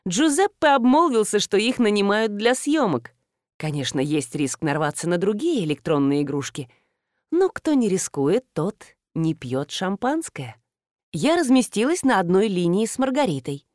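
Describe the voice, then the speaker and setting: A woman's voice: mid-range voice, big pitch swings, moderate pace, a little mellow, dry recording, clean studio sound. A woman narrating an audiobook in the first person, in a wry storytelling manner.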